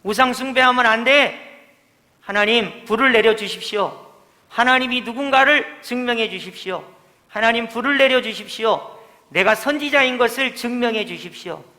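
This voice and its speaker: A pastor acting a fervent pleading prophet. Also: male voice, very high voice, normal speed, pushed and bright, voice pushed up. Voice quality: raised, impassioned. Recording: echoey church hall.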